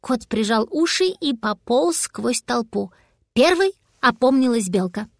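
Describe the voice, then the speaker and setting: A woman reading a children's audiobook with lively expression. Her voice is a little high, and the recording is dry and close. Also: a little slow, creaky, dry recording. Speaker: narrator. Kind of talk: audiobook narration.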